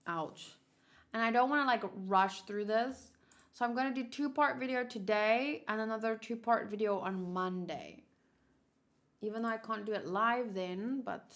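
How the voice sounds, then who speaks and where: A woman streamer hosts a manga read-along, chatting casually with her viewers, rambling and thinking aloud while often repeating herself. Her voice is fairly high and fairly bright.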